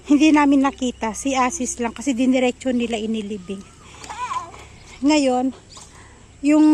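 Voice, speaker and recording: A woman's voice: on the high side, a little mellow, slight background noise, poor audio. A woman vlogging casually at home, chatting and mixing English phrases into her talk. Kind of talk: casual home vlog narration.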